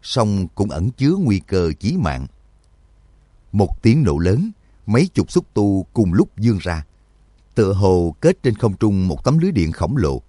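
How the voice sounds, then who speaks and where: A man narrating an audiobook in an expressive, vivid storytelling manner. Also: fairly low pitch, unhurried, no room sound, studio quality.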